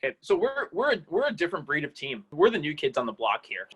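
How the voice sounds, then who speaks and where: A man's voice: a little high, big pitch swings, quick pace, a bit bright, slightly rough, muffled recording. A man in his twenties from Washington State, speaking with enthusiasm and confidence about his team. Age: 20s. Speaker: team member. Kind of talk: casual team introduction.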